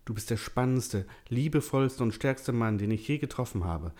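Storybook young wife, tender and grieving, soft and breathy, higher voice, a man doing her. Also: animated, moderate pace, lightly acted.

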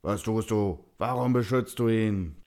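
A man's voice: on the low side, unhurried, voice pushed up, close to an everyday voice. A man voicing a furious old Santa Claus, crazed by drugs, in a storybook reading. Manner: furious, shouting.

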